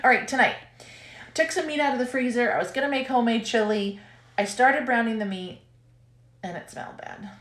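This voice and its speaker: A woman's voice: fairly high pitch, a little fast, a bit bright. A woman in her thirties co-hosting a casual live stream, chatty and bubbly, laughing often. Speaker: co-host of a live stream, chiropractor. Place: home room, at night. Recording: echoey room.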